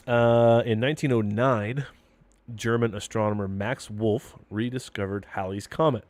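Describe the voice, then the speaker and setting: A man's voice: fairly low pitch, fairly even intonation, unhurried, no room sound. A man in his thirties hosting a podcast, reading history facts between crude jokes. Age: 30s. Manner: crude, joking, laughs often. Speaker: podcast host.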